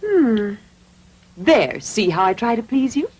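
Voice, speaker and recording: A woman voicing a gentle, motherly fairy who soothes and mildly scolds a puppet boy in a cartoon. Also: fairly high pitch, big pitch swings, slow, noisy background.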